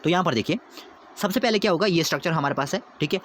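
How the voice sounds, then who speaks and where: Fast-talking male teacher. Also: a little high, a bit bright, slight background noise. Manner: explains step by step, constantly asking and answering his own questions; repeats 'theek hai?' to check understanding. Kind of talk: whiteboard lesson.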